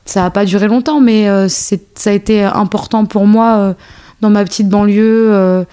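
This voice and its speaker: In a casual conversational interview, a female guest in her thirties talks in a smooth, warm, medium-pitched voice with fairly even intonation and a moderate pace. Born in Algeria and raised in a French suburb, she teaches dance and choreographs, and she uses lots of fillers and restarts.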